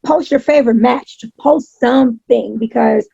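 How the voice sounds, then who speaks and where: A woman chatting casually as an interview guest, speaking emphatically and repeating phrases for stress, with a gravelly, husky voice on dull, lo-fi audio. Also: on the high side, measured pace, dark tone, no echo. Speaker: interview guest, pro wrestling announcer.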